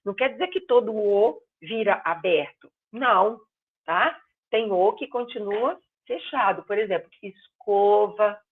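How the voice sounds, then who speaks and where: A woman teaching a grammar class online, explaining patiently and stressing example words loudly. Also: mid-range voice. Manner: explains slowly, stretching and exaggerating words as examples. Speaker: Portuguese teacher. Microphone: video call. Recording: tinny phone-line sound.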